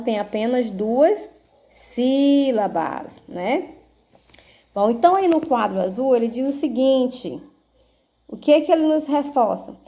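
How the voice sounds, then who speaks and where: In a video lesson, a female teacher with a Brazilian Portuguese accent speaks slowly and patiently. She spells out syllables and checks in using small tag questions. Her voice is high with a dark tone.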